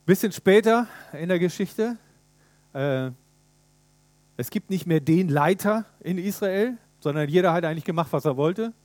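A man preaching a sermon in a lively way, retelling a story and putting questions to his listeners. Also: high voice, moderate pace, dry recording.

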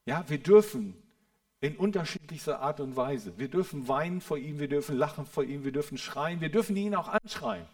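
A man preaching a sermon in an earnest way, moving between quiet, reverent passages and loud, fervent ones, often checking in with the listeners. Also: fairly high pitch, lively intonation, normal speed. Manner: addresses listeners with a questioning "Ja?".

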